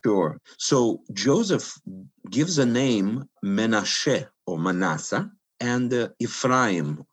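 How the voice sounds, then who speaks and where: A man from the Soviet Union, an author and scholar, telling stories in an animated, pausing way. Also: medium pitch, breathy edge. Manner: animated, pausing storyteller with fillers. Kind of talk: anecdotal conversational storytelling.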